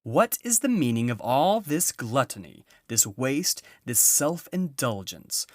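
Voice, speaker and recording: A man's voice: high voice, takes it slowly, no room sound, studio quality, pitched above the performer's own voice. A man voicing a cruel, imperious witch queen in a storybook reading, speaking in a commanding, scornful way. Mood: furious.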